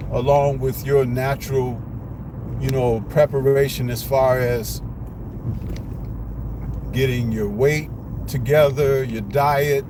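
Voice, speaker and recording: A man's voice: mid-range voice, fairly even intonation, slow pace, long pauses. A man hosting a live boxing commentary stream, blunt and rambling, with lots of rhetorical questions. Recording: noisy live stream with street and car noise.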